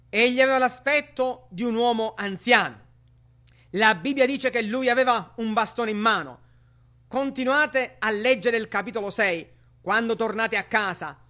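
A man's voice: very high-pitched, sharp tone. A man preaching a sermon with emphatic rhetorical questions to the congregation. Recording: dull lo-fi sermon recording.

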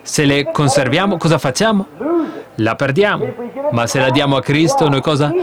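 A man preaching to a congregation with children, shouting in an old-fashioned style and leading call and response. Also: a little high, animated, normal speed, over a noisy crowd.

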